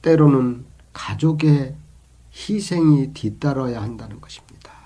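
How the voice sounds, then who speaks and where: A man's voice: medium pitch, a little slow, mellow. A middle-aged man giving life advice in an earnest, lecturing monologue, his phrases often trailing off into a near whisper.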